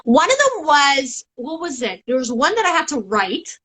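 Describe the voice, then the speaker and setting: A woman's voice: sits high, big pitch swings, normal speed, a bit bright. A middle-aged woman chatting as a guest, telling stories animatedly, laughing often and acting out quotes. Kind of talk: casual conversation.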